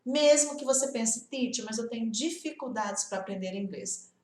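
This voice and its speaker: A woman's voice: a little high, normal speed, darkish tone, roomy sound. A woman with a Brazilian Portuguese accent giving a casual online English lesson, chatty and encouraging, often checking in with her students. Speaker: English teacher.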